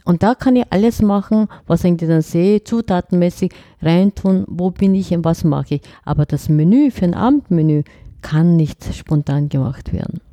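Korean-born woman chef, mellow voice. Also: fairly low pitch, moderate pace, no echo. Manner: animated, searching for words, laughs often. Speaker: chef, interview guest. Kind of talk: casual interview chat.

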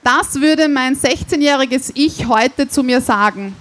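A woman hosting a live podcast on stage, asking quick playful questions. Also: high-pitched, a bit bright. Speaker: podcast host. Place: outdoor stage at a live event.

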